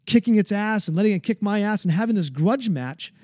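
A man's voice: sits high, lively intonation, a little fast, darkish tone, dry recording, studio quality. A man in his forties telling his own story in a personal monologue, earnest and often searching for the right words. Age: 40s. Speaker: speaker sharing his mental health story.

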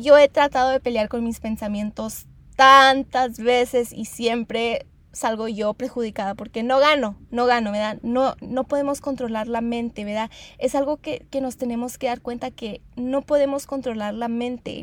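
High-voiced woman giving gentle self-help advice. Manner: gentle, repetitive, keeps checking in with listeners. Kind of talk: reflective motivational talk.

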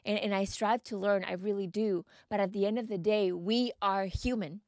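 In clean studio sound with no room sound, a woman from the United States coaches listeners through reflective questions on her solo mindset podcast. She speaks at normal speed with medium pitch, fairly even intonation and a slightly mellow quality.

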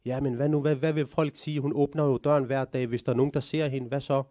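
A man's voice: medium pitch, level tone, warm tone, no echo, studio quality, close to an everyday voice. Man voicing a fretful old male hermit. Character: worried old male hermit fearing gossip.

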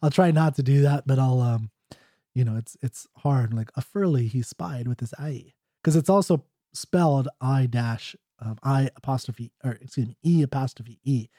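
A man's voice: mid-range voice, moderate pace, dark tone, no echo, studio quality. A man talking casually about an old ballad, then reading it aloud in a mock Scottish accent. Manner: chatty, full of "you know" and "right?". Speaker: ballad reader and explainer. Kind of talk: casual explanation and poetry reading.

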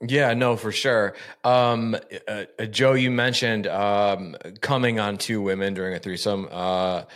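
A man's voice: lowish voice, steady tone, measured pace, fairly bright tone. A man hosting a podcast interview, asking blunt, crude questions with a laugh. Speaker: podcast host. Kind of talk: casual interview.

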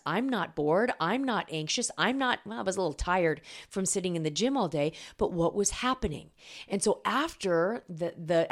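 Earnest woman coach hosting a podcast. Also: medium pitch. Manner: earnest, personal storytelling. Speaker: podcast host and weight-loss coach. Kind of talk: solo podcast monologue.

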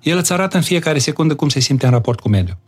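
A man, a guest in a conversational interview, explaining his views calmly and earnestly with everyday examples. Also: a little high, husky. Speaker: interview guest, disciple of spiritual masters.

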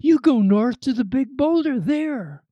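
A man voicing a frantic, gold-crazed male prospector who exclaims in excited bursts. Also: very high voice, measured pace, dry recording, highs cut off, pitched above the performer's own voice, full character voice.

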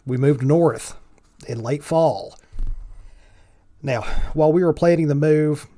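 A man's voice: mid-range voice, warm tone, dry recording. A man with a thick Appalachian accent, hosting a solo podcast in a folksy way with wry, dry humor. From mountains of Virginia, United States. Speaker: podcast host.

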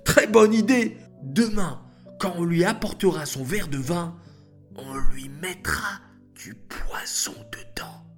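A man's voice: high voice, lively intonation, unhurried, soft background music, voice pushed up. A man doing a sniggering scheming guard. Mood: gleeful. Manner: whispering and sniggering. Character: sneering scheming palace guard.

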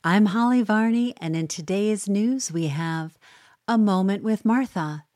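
A woman reading a humorous newspaper column aloud in a wry, measured, dryly humorous way. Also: mid-range voice, darkish tone, dry recording, studio quality.

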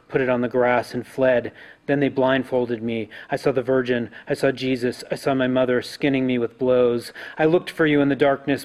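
Male poet at a live reading; grave, intense delivery with chanted repetitions. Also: mid-range voice. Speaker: poet reading a translated poem.

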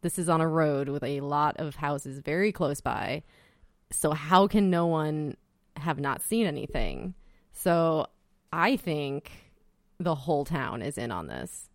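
A young woman with a low voice, co-hosting a podcast in easy conversation. She comes across skeptical, wry and blunt, and she swears casually. The sound is dry and close. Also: lively intonation, slow, no room sound. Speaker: podcast co-host. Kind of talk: casual chat.

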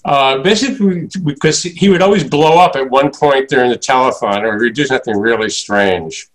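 Man, casual talk, rambling, lots of uhs, middle pitch. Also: brisk, low-quality recording. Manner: rambling, many filler "uh"s. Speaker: guest, former comedy writer and producer. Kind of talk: casual reminiscing chat.

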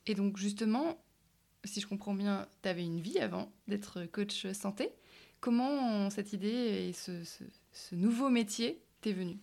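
A woman asking podcast interview questions in a clear, direct way. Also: medium pitch, unhurried, a little mellow.

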